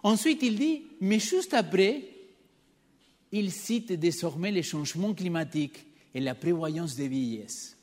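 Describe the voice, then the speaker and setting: A man preaches in a church hall with long reverb, his voice sitting high, a little mellow, lively in intonation, and unhurried. He has a noticeable non-native French accent and engages the congregation with rhetorical questions.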